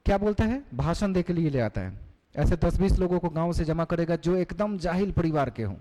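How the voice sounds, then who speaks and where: A man's voice: a little high, expressive, brisk, background noise. A male teacher giving a classroom lecture, explaining terms and putting questions to the class. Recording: long hall reverb.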